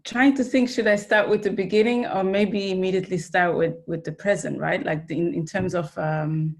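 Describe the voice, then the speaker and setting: A woman from Belgium speaks as a panelist on a video call, her voice on the low side. She talks earnestly and works through her thoughts aloud, with restarts and fillers. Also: steady tone, moderate pace. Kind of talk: academic panel discussion.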